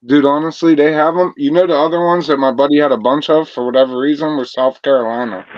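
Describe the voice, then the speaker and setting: A man's voice: fairly high pitch, fairly even intonation, quick pace. A man chatting casually and enthusiastically about his hobby, swearing freely as he goes. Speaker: whiskey enthusiast. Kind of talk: casual chat. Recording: dull lo-fi sound.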